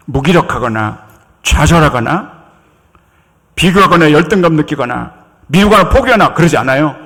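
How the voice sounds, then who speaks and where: A male pastor delivering a sermon, with dramatic, repetitive preaching, drawn-out emphasis and acted-out quotes. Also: a little high, vocal fry, fairly bright tone, long reverb tail. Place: church sanctuary.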